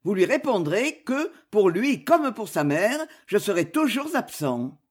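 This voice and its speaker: A woman's voice: mid-range voice, very animated, unhurried, husky. A woman doing a frail old marquis. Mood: firm. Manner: urgent, pleading. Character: frail, lovestruck elderly marquis.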